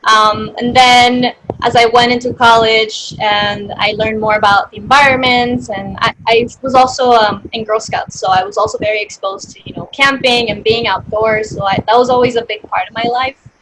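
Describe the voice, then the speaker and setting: A woman's voice: on the high side, fairly even intonation, moderate pace, a bit bright, slight background noise, poor audio. A young woman in her twenties from Colombia, raised in Miami, a veterinary student chatting about her path on a video-call panel. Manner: chatty, fillers. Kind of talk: personal story on a panel.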